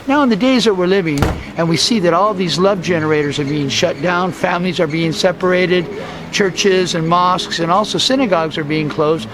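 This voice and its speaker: High-voiced older man, rambling. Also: noisy background. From USA. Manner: unhurried, rambling, many uh fillers. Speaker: interviewee, street vendor. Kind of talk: casual storytelling interview. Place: outdoors on a town street. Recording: travel video with loud music bed. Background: loud background music.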